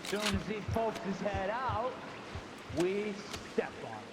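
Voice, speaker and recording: A man's voice: high voice, slow pace, very noisy. An actor voicing a cocky male gunman in a video game, sneering at his target. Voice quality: sneering, gloating. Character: cocky male gunman hunting a wounded cop. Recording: game audio under loud gunfire.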